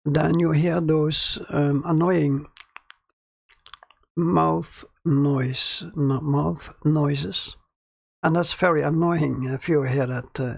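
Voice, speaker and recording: Recorded dry in a small home studio, a man with a fairly high, crackly, gravelly voice hosts a casual screen-recorded tutorial. He talks hesitantly, full of fillers and restarts, into a close studio mic roughly ten centimeters away.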